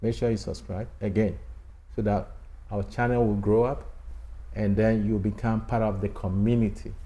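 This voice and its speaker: A man's voice: fairly low pitch, little pitch movement, normal speed, dark tone. A man hosting a spiritual talk show in a studio, speaking emphatically, repeating key phrases and urging viewers to subscribe. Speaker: channel host.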